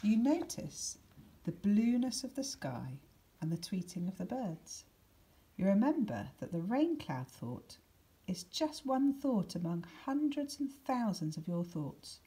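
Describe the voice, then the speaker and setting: This is a mid-range, mellow female voice reading a storybook to young children, unhurried and animated in intonation. As a teacher reading a picture book aloud, she stays deliberate and expressive, leaning on dramatic emphasis and softly hushed words against faint background noise.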